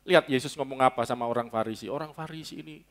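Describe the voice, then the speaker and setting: A man preaching a sermon in a casual, joking way, breaking now and then into loud, playful mock prayers. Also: medium pitch, very fast. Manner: relaxed, joking, mixes in Javanese words and bursts into loud mock prayers. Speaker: pastor. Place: church hall.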